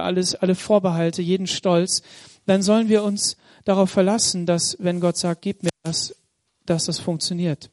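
Male preacher, high-pitched, direct to the congregation, reading scripture with weight; dry recording. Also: a little mellow, dry recording. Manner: reads scripture aloud, slows for emphasis. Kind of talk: sermon with Bible reading. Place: church in Munich.

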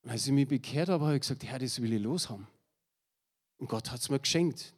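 A man's voice: mid-range voice, brisk. A middle-aged man preaching a sermon to a congregation, speaking directly to his listeners and mixing in personal anecdotes with self-deprecating humor. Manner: lively, addresses the congregation directly, with a slide presentation.

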